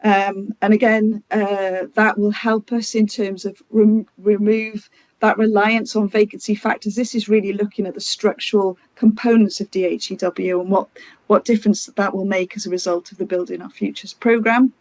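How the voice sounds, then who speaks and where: A woman giving a formal corporate presentation to a committee, often halting and restarting her words. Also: medium pitch, flat delivery, darkish tone, dry recording.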